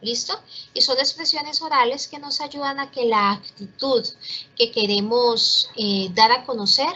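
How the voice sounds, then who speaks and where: A woman teaches an online class, laying out each point step by step and checking in often with her students. Her voice is bright and fairly high with a slight husky edge. The call audio is muffled and lo-fi, like a laptop webcam mic. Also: steady tone, unhurried. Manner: explains step by step, often checks in with "¿listo?" and "¿cierto?".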